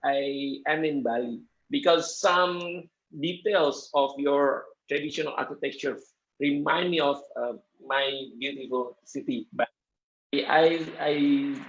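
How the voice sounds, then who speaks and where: Halting, slow-talking man on a muffled call. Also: medium pitch. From Indonesia. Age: 30s. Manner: hesitant, many fillers and restarts. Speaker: guest lecturer, architect. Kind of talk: halting lecture in non-native English.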